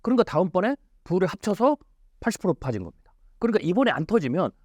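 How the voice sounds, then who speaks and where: A man's voice: sits high, sing-song, fast talker, a little mellow, no echo, clean studio sound. A man as an interview guest, explaining in an emphatic way with rhetorical questions. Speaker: futurist guest.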